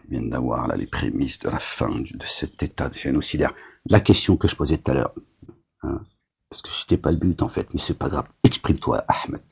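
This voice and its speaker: Very deep gravelly husky man ranting. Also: lively intonation, fairly quick, darkish tone. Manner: agitated, scolding, full of verbal tics. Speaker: self-styled preacher addressing viewers. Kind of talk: rambling monologue.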